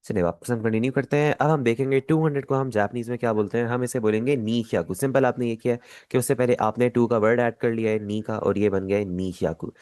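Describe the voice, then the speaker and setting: A man with a Pakistani Urdu accent, teaching an online language lesson, patient and repeating each step slowly. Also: mid-range voice, steady tone, darkish tone, dry recording.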